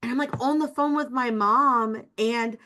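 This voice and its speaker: A woman's voice: a little high, steady tone, measured pace, pushed and bright. Chatty woman, "like" in every sentence. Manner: chatty and emotional, heavy use of "like". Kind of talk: casual podcast conversation.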